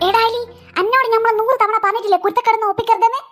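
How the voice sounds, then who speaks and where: A woman's voice: extremely high pitch, fairly even intonation, rapid-fire, a bit bright, faint music behind. A woman voicing a stern cartoon mother with a Malabar Malayalam accent who scolds and threatens. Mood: angry.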